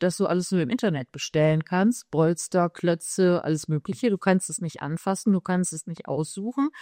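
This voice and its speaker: A middle-aged woman from Cologne, a guest on a podcast, calmly telling her life story. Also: fairly low pitch, no echo, clean studio sound. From Germany, Cologne. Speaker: guest, yoga teacher and shop owner. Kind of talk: podcast interview, personal story.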